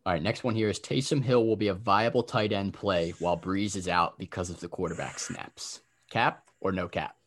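Hosting an easygoing fantasy football podcast, this young man speaks in a low, even voice. He quickly reels off player names and offers his takes on them.

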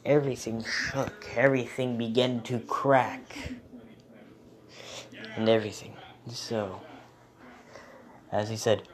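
A man telling an improvised horror story at a slow, unhurried pace. He stops and restarts his sentences often, and he drops into hushed whispers for the creepy parts. His voice sits at an ordinary middle pitch. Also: fairly even intonation.

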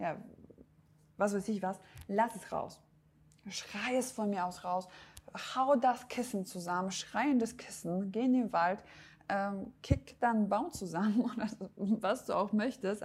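Speaking straight to her audience, this podcast host coaches listeners through a motivational self-help talk, with frequent hesitations. She has a husky, medium-pitched voice with a darkish tone.

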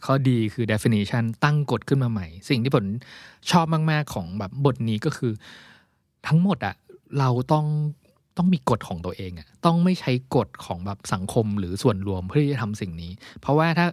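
A man co-hosting a podcast chats casually about a book. His voice sits at an ordinary middle pitch. The talk is loose and full of fillers, recorded close and dry with no room sound. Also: expressive, normal speed, no room sound. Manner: loose and chatty, heavy with fillers. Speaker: podcast co-host. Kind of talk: casual book-discussion chat.

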